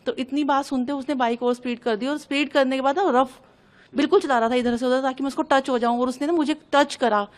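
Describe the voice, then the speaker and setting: A woman from Delhi giving an agitated first-person account to a reporter, re-enacting the exchanges as she tells it. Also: sits high. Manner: agitated, fast, re-enacting dialogue. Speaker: interviewee recounting an incident.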